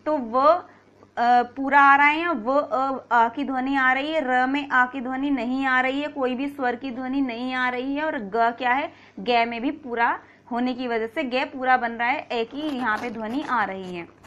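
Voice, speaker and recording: High-voiced woman teaching grammar patiently. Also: fairly even intonation, normal speed, fairly bright tone, dull audio. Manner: patient, repeats key points, asks and answers own questions. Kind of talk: explanatory grammar lesson.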